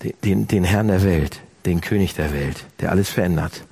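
A man preaching a sermon, speaking directly to his listeners with lively emphasis. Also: low-pitched, normal speed, gravelly, breathy edge. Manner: animated, addresses listeners directly.

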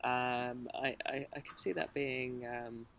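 A woman's voice: rumbling low, level tone, slow pace, creaky, a bit bright. Rambling, hesitant woman. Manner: rambling, hesitant, full of ums and restarts. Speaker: guest, motorsport journalist. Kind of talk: casual podcast chat.

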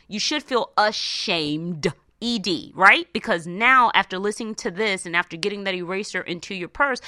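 A woman with a bright, fairly high, forceful voice is recorded with studio quality and no room sound. She hosts a motivational personal finance radio show about money advice, speaking emphatically and colloquially and often checking in with short questions.

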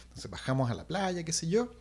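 A young man telling a personal story in casual chat, animated and acting out sounds. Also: a little high, brisk, slightly rough. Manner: animated, acts out voices and sounds, restarts.

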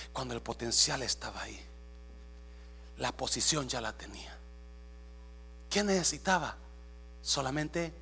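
Preaching man with a bright, forceful voice. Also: mid-range voice. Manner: swings from hushed asides to shouted exhortation; talks directly to the congregation with frequent questions. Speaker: pastor. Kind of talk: bilingual Spanish-English sermon. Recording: faint mains hum.

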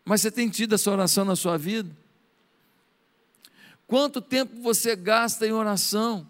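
A middle-aged man with a Brazilian Portuguese accent, preaching a sermon as a pastor, animated and acting out prayers in a hushed voice. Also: high voice, normal speed. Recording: long hall reverb.

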